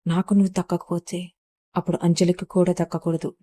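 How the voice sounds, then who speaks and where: A scheming young stepsister, read aloud by a woman narrator who taunts and accuses. The voice sits low and sounds mellow. It is told plainly, like a storybook read aloud. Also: flat delivery, fairly quick, natural voice. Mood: accusing.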